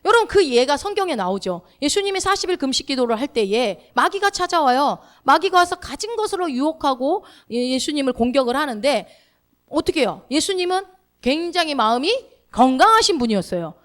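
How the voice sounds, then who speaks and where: Lively high-voiced woman preaching. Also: a little fast. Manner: asks the congregation questions and answers them herself; acts out inner thoughts in quoted speech. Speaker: pastor. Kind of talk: sermon.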